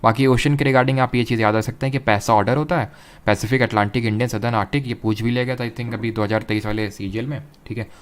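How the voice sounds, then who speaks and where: A man's voice: mid-range voice, steady tone, fast talker. A young adult man teaching an exam-prep geography lecture, explaining step by step, mixing in English terms and often checking whether students follow.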